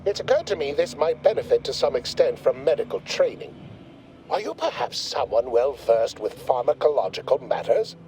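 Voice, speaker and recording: A man's voice: medium pitch, big pitch swings, moderate pace, mellow, close to an everyday voice, low-quality recording. An actor playing a pompous male corporate scientist in a video game, speaking in verbose, condescending corporate jargon. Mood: smug.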